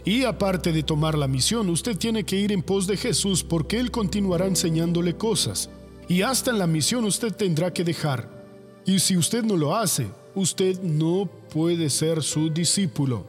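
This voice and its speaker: A man's voice: sits high, moderate pace, in a large hall, faint music behind. An older man preaching a sermon, emphatic and asking rhetorical questions he answers himself.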